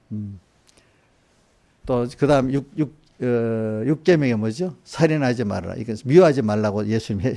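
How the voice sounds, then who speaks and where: Korean church pastor, male, gravelly and mellow, chatty sermon delivery that calls on listeners and acts out quotes. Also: medium pitch. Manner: conversational preaching, quizzing congregation by name; acts out voices in quoted asides. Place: church sanctuary.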